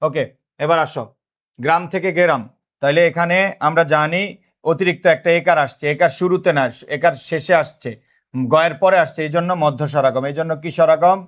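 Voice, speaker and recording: A man's voice: fairly high pitch, a little fast. A man with a Bangladeshi accent teaching a live online grammar class, asking the same questions again and again and calling himself big brother to his students. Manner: drilling students with repeated questions.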